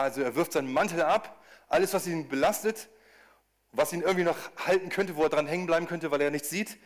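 A man preaching a sermon, talking animatedly, often stumbling into restarts, acting out quoted voices and cries with rising emphasis. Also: a little high.

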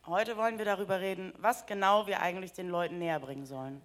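A woman's voice: fairly low pitch, fairly even intonation, fast talker. A woman interpreting a sermon live, giving each phrase right after the preacher speaks.

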